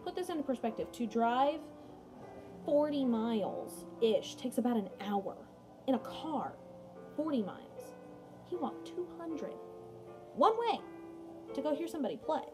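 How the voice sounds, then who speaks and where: Speaking unhurriedly with long pauses, a young adult woman with a high, expressive voice plays a music teacher giving a casual read-aloud lesson full of chatty asides. Music plays behind her in a small indoor room at home.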